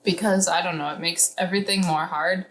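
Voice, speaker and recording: A woman with a distinctly low voice chats casually. She talks in a hesitant, conversational way, hedging as she goes. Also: fairly even intonation, fairly quick. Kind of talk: casual chat. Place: inside a tent.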